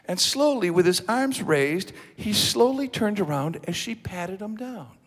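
A male preacher telling a story in a sermon, building dramatically into shouted passages. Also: high voice, animated, measured pace, in a large hall.

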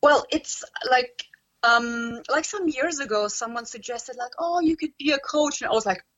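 Chatty coach with dull lo-fi audio. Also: female voice, high voice, moderate pace, a bit bright. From born in Romania, raised in Germany. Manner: chatty, frequent "like" fillers. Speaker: guest, personal development coach. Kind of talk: casual interview chat.

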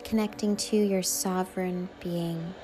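A woman's voice: on the low side, fairly even intonation, measured pace. A woman leading a guided meditation in a soothing, hypnotic way, with lulling, repetitive phrasing. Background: faint music.

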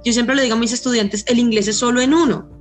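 A Colombian woman with a somewhat high voice speaks as an English teacher, fluent and earnest, building her point through examples. Faint music sits quietly behind her. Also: fairly even intonation, quick pace. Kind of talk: explanatory panel answer.

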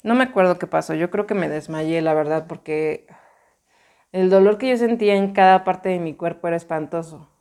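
This young woman's voice sits on the low side and is a little mellow, moving at normal speed. In a Mexican accent, she shares a personal story casually and emphatically, using slang and repeating herself a lot.

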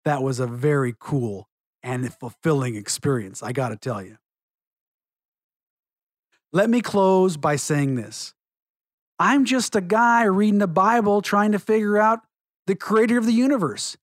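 A middle-aged man giving an earnest religious testimony and teaching, measured and slowing down for emphasis. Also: sits high, no room sound.

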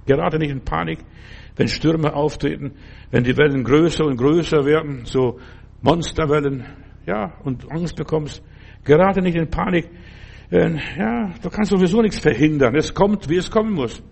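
Older male preacher, sermon, gravelly voice, husky, fairly high pitch, earnest and repetitive. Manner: drops to soft, slow reassurance at times.

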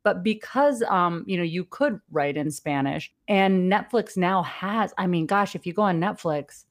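A middle-aged woman hosting a podcast interview, chatty and quick to laugh, with lots of fillers. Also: fairly low pitch. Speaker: podcast host. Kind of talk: casual interview chat.

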